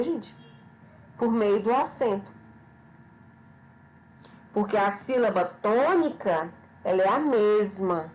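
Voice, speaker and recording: A woman's voice: medium pitch, low-quality recording. A woman teacher giving an online grammar lesson, patient and repetitive, often checking in with her students. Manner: slow, patient, repeats questions and checks with "certo?".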